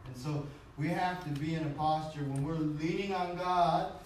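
A pastor with a high male voice delivers a sermon, pressing his points hard and dropping into low, intense passages. He slips Japanese phrases into his English. The recording catches him from a distance in a very echoey church hall with faint background noise. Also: fairly even intonation, normal speed. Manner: emphatic preaching, sliding between loud highs and low intense passages. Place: church sanctuary.

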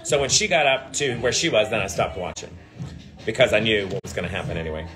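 Over music, a man in his forties speaks quickly with lively intonation in a voice on the low side. He is a drag performer chatting with viewers on a phone livestream, the phone at arm's length, as he goes from an indoor hotel hallway into an elevator. His tone is brash, profane and sardonic.

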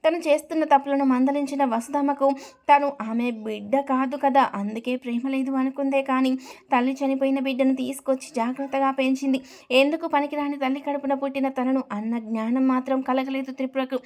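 A woman narrating a serial family story in a steady, even storytelling manner. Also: high voice, brisk.

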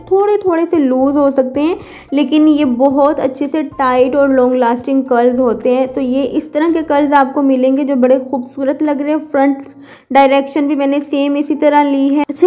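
Woman, high pitch, warm tone, patient tutorial voice-over, repeats words for emphasis. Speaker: hair stylist teaching a tutorial.

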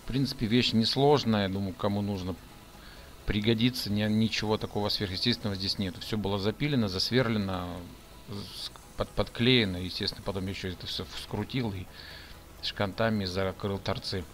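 A man's voice: fairly low pitch, fairly even intonation, brisk. A middle-aged man casually talking through a woodworking build in a voice-over, plain-spoken and explaining step by step. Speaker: woodworking channel host.

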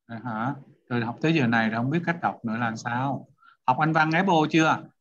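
A man's voice: mid-range voice, a little fast, a bit bright. A male teacher, lecturing a class and questioning students one by one. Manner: questioning students, repeats points. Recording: dull lo-fi sound.

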